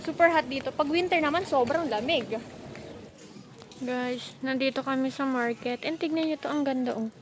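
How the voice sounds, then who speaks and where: Filipina woman from the philippines vlogging on her phone, high voice, chatty and laughy, loud street noise behind. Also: normal speed. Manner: chatty, switching between Tagalog and English, laughs often. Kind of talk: casual vlog chat. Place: outdoors at a fairground and market.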